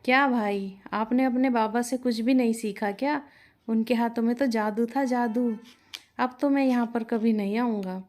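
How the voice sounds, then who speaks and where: A woman's voice: a little high, fairly even intonation, normal speed, darkish tone, natural voice. Woman doing a rude angry customer man. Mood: scolding. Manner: scolding, indignant. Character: angry male customer, middle-aged, rude.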